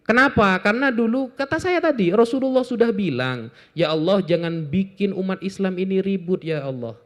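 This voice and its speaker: A man from Indonesia, talking informally to an audience in a joking, animated way with lots of asides. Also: sits high, normal speed. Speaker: Islamic apologetics speaker.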